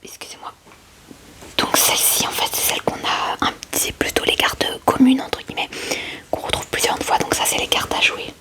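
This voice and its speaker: This is an ASMR host presenting a collection of cards, her unhurried whisper hovering close to the mic as she talks in a gentle, tentative way.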